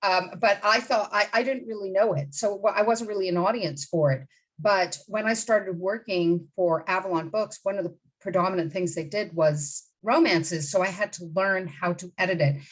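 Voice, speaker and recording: A woman's voice: mid-range voice, moderate pace, poor audio. A woman in her fifties from the Bahamas, a literary agent answering interview questions in a direct, emphatic way. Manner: direct and emphatic, with many asides and restarts.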